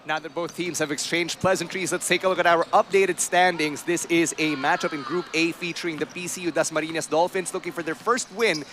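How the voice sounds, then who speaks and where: A man's voice: a little high, steady tone, brisk, hardly any pauses, fairly bright tone, slight background noise. A man presenting pre-game basketball commentary as the play-by-play host.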